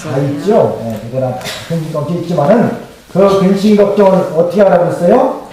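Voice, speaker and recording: A man's voice: on the high side, brisk, dark tone. A male pastor preaching a sermon who keeps asking the congregation questions and having them repeat the answers. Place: church sanctuary. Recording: very echoey hall, mic far off.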